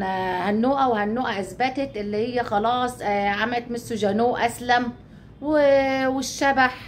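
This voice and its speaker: A woman's voice: on the high side, a little hiss or hum. An Egyptian woman talking casually to her viewers, chatty, swearing oaths and calling them her dear ones. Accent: Egyptian Arabic. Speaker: YouTube channel host.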